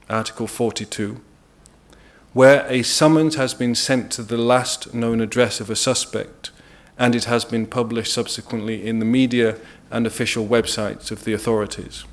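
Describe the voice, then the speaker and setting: A British man speaks at a press briefing, laying out a legal argument in a formal, measured way. His pitch sits in a middle range, and he leans on key words for emphasis.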